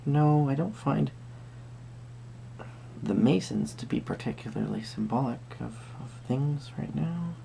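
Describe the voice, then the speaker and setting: In an intimate roleplay, a performer voices a gentle, eccentric tarot card reader with a breathy, mid-range voice that often sinks to a whisper. The delivery is animated yet measured, musing and hesitant, softly trailing off, and there's a little hiss or hum.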